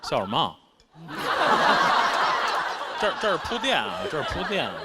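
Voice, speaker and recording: Wry Beijing-accented stand-up comedian. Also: male voice, wildly swooping pitch, slow. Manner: wry, self-mocking delivery with sharp swings in pitch. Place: stage before a live audience. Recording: constant background noise.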